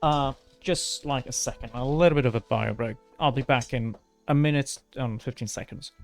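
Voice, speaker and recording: Casual male gamer, mid-pitched, thinking aloud. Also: moderate pace, creaky. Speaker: gaming streamer. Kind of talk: casual video game commentary, reading text aloud. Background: faint game music.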